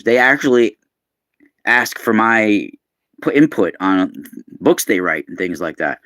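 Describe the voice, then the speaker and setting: In a dry, studio-quality recording, a man in his forties hosts a live unboxing stream with a low-pitched voice that still sounds youthful. He talks casually to viewers by name, with sudden bursts of excitement.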